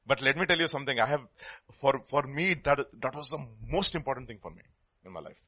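A man's voice: mid-range voice, animated, fast talker, pushed and bright. A man with a South Indian Telugu accent preaching a sermon in a teacherly way, repeating key words for emphasis and putting questions to his listeners.

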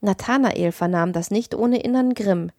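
A woman narrating a classic tale as an audiobook reader, in a measured, expressive reading. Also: medium pitch, no echo, studio quality.

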